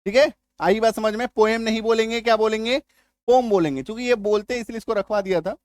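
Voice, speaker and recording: A man's voice: sits high, steady tone, quick pace, no echo, clean studio sound. Hindi-speaking man teaching English spelling. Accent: Indian. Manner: checks understanding often, repeats for drilling. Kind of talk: spoken lesson.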